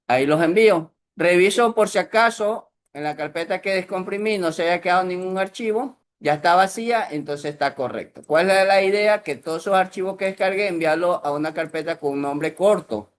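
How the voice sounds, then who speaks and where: A man's voice: high-pitched, a little fast, hardly any pauses. Man, patient instructor, step-by-step, screen tutorial. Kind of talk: screen-recorded software tutorial.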